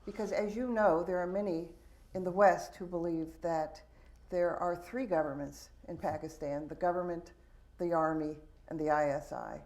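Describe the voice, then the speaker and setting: A woman's voice: fairly low pitch, fairly even intonation, moderate pace, darkish tone. A woman moderating a panel discussion, asking long probing questions and calling on the audience. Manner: probing, wordy questions, self-deprecating.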